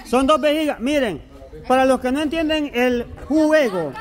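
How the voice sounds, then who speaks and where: High-voiced man refereeing a game. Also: moderate pace. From El Salvador. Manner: loud, animated, bossy calling of rules and commands. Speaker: game host. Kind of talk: explaining and refereeing an outdoor group game. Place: outdoors with a group of players. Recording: outdoor crowd chatter behind.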